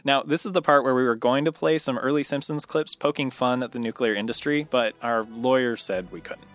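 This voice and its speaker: A man's voice: mid-range voice, steady tone, brisk, a bit bright, no room sound, faint music behind. A man co-hosting a podcast, reading a scripted intro and bantering with a guest in a wry, joking manner. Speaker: podcast co-host.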